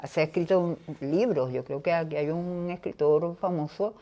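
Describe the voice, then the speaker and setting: An older woman from Venezuela, speaking as an interview guest in a reflective conversation, pausing often to search for her words. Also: sits low, mellow. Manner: thoughtful, pauses to search for words.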